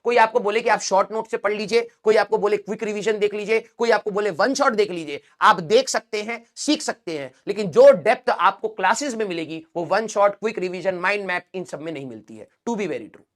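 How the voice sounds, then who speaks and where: A man's voice: high voice, lively intonation, a little fast, few pauses. Earnest male teacher giving student pep talk. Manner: earnest, addresses students as beta, frequent "theek hai?".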